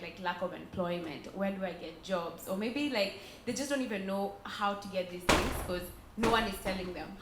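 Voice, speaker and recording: A woman's voice: on the low side, a bit bright, slight background noise. A woman with a Kenyan accent speaking on a conference panel, earnest and conversational, often tagging "right?" onto her points. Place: conference room. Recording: echoey conference room with faint ambience.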